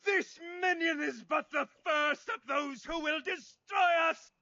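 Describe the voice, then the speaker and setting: An actor playing a frantic, grieving male refugee who shouts warnings of doom, in a video game. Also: very high voice, a little slow, no echo, exaggerated voice. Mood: ranting. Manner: shouting, ranting, wild. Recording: muffled game audio.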